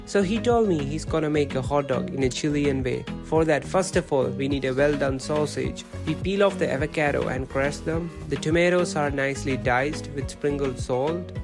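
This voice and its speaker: A man's voice: fairly high pitch, normal speed, hardly any pauses. Man narrating recipe steps over guitar. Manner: plain, step-by-step.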